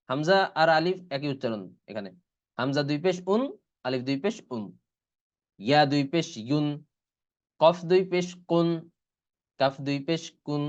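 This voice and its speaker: A man's voice: fairly high pitch, smooth, lo-fi sound. A man teaching an online Quran reading lesson with a Bangladeshi Bengali accent, spelling out Arabic letters and vowel marks syllable by syllable. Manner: slow syllable-by-syllable spelling drill.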